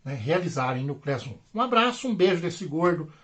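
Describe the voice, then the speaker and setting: A man's voice: fairly high pitch, very animated, fairly quick. A Brazilian man teaching a grammar lesson online. He explains patiently and repeats himself, tags his sentences with little checks, and stretches out the example words. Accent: Brazilian Portuguese.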